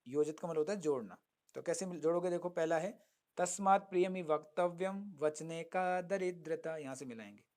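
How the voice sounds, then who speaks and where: A man teaching a Sanskrit lesson, chanting verses slowly, then explaining them and answering his own questions. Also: fairly high pitch, a little mellow. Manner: asks students questions and answers them himself. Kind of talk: online lesson.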